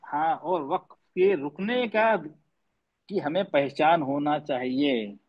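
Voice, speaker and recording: Male tajweed teacher, high voice, patient and repetitive, dull lo-fi class audio. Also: takes it slowly. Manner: patient, repeats points, quizzes students; mixes English words into speech. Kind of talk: online class lecture. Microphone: online class audio.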